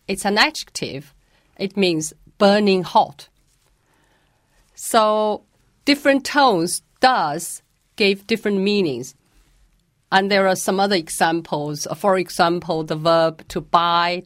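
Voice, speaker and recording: A woman's voice: fairly low pitch, no room sound, studio quality. A woman who teaches Mandarin, answering interview questions patiently and carefully, and demonstrating pronunciations as she explains.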